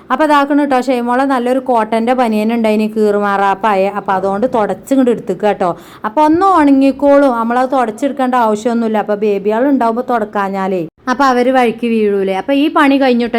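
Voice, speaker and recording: A woman's voice: a little high, fast, clear, resonant tone. A woman, chatting to her viewers in a casual family vlog as she narrates her housework. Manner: chatty, talks straight to viewers. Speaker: family vlogger.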